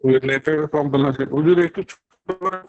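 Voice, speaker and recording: A man's voice: on the high side, fairly quick, dry recording, muffled recording, faint music behind. Sex: man. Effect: voice breaking up on a choppy online call. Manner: hesitant. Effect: voice breaking up over a bad network connection. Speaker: student reciting Quran. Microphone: phone or computer on a video call.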